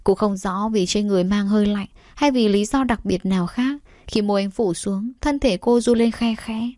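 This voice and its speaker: A woman narrating an audiobook story with a steady, even reading. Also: medium pitch, moderate pace, no echo, studio quality.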